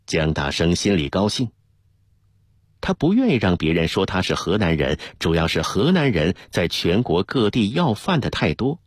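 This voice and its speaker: Brief: male narrator of a radio novel, lively and expressive, slightly husky, dry studio sound. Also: low-pitched, no echo. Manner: expressive storytelling. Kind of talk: serialized novel reading on radio.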